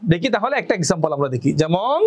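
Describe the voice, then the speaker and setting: A man teaching Quran reading in a patient lesson, explaining step by step, asking and answering his own questions, and drawing out recited words slowly. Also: high voice, very animated, a little mellow, breathy edge.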